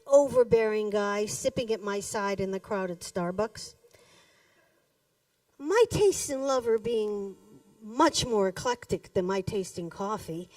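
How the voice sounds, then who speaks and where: A poet reads her own work live to an audience inside a cafe, heard from far off through a distant microphone with roomy echo. Her voice is fairly high and varies widely in pitch, and she delivers each line with deliberate, dramatic phrasing, pausing and stressing key words.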